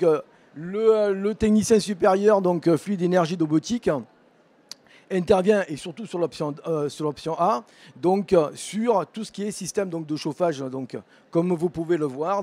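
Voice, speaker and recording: A man's voice: on the high side, darkish tone. Hesitant southern French man presenting. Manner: hesitant, heavy use of filler words and restarts. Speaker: vocational program presenter. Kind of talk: conference talk at an education fair.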